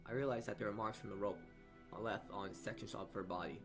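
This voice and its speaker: With music in the background, a let's-player voices a visual novel in a fairly low pitch and fairly even intonation. The reading is halting and full of stumbles, broken up by his own side remarks.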